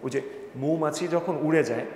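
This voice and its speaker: A man's voice: a little high, normal speed, a little mellow. A male teacher giving a classroom lesson on English pronunciation, playful and jokey, quizzing his students by name. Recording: echoey room with long reverb, faint background noise.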